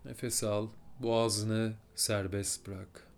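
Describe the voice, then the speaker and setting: A man leading a guided full-moon meditation, giving slow, soft-spoken breathing and relaxation instructions with long pauses. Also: lowish voice, flat delivery, a little hiss or hum.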